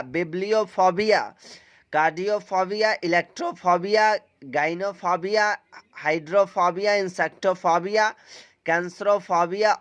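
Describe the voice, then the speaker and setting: A man's voice: sits high, a bit bright. A man from India, talking students through a recorded English vocabulary lesson step by step in a plain instructive tone. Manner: plain instructive tone, repeats steps, some filler sounds. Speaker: English teacher.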